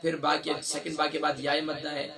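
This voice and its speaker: High-voiced man teaching Quran recitation. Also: completely flat delivery, vocal fry, sharp tone. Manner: explains errors quickly, then chants verses slowly. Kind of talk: recitation lesson with chanted verses.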